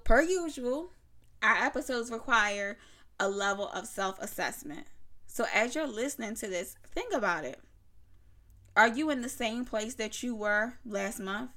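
A woman's voice: a little high, pushed and bright. A young adult woman hosting a podcast, giving a conversational faith-based motivational talk to mothers, full of rhetorical questions and casual slang. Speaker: podcast host.

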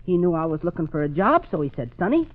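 A plucky, self-assured teenage office boy from a 1940s radio play. His voice is high, chirpy and earnest, with lively swings. The vintage recording sounds dull. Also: quick pace. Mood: confident.

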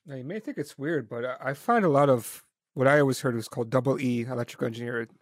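A man's voice: medium pitch, fast, dry recording, studio quality. Upbeat joking male podcast host. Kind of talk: casual live-stream interview.

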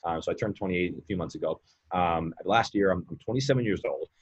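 A man in his late twenties speaks low and fast, with a breathy edge, on a muffled recording. He's a mindset coach appearing as a guest on a casual podcast, rambling along with lots of fillers and repeated words.

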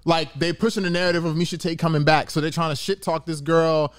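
A man's voice: on the high side, flat delivery, fast, no room sound, clean studio sound. A man hosting a casual sports podcast, arguing his points with repeated phrases and some swearing. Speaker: podcast host. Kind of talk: casual sports commentary chat.

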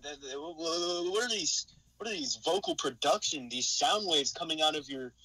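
A young man guesting on a casual podcast, playful and jokey with deadpan asides. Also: a little high, moderate pace, no echo, low-quality recording. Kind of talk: casual goofy podcast chat.

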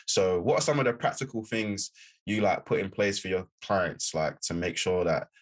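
Man, podcast host, very deep voice, husky, quick, relaxed, agreeable. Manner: relaxed, agreeable, lots of back-channel "yeah". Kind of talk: casual interview chat.

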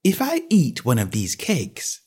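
A man voicing Alice, a curious, fretful young girl, raising his pitch to sound earnest and wondering. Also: huge pitch swings, unhurried, warm tone, breathy edge, heavily acted. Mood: musing.

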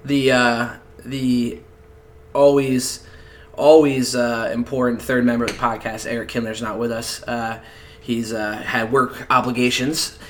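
A man co-hosting a casual sports podcast, excitable and rambling with restarts. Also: mid-range voice, a little slow, a little hiss or hum. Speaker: podcast co-host.

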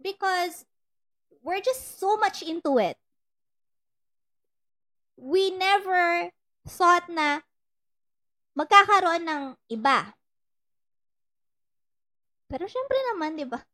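A woman's voice: very high-pitched, animated, drawn-out words, long pauses, pushed and bright, no room sound. A young Filipino woman hosting a casual advice talk, teasing and laughing often as she mixes in English. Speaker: podcast host giving love advice.

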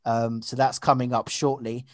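A man's voice: medium pitch, little pitch movement, moderate pace, no echo, clean studio sound. A man hosting a casual podcast, chatty and upbeat with lots of fillers. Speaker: podcast host.

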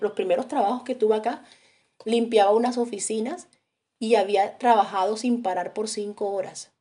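A woman preaching a sermon dramatically, dropping to hushes and rising to loud cries, and acting out the people in her stories. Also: mid-range voice. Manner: acts out quoted voices in storytelling.

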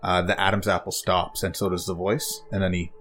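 Deep-voiced man narrating as game master. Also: level tone, a bit bright, soft background music. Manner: halting, full of fillers and restarts.

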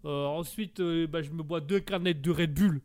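A man's voice: a little high, normal speed, darkish tone, no room sound, studio quality, natural voice. A man voicing a dim, quarrelsome young slacker who talks in slangy, slurred phrases full of fillers, in a comedy sketch. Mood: brash. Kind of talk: comedy sketch, one performer doing two voices.

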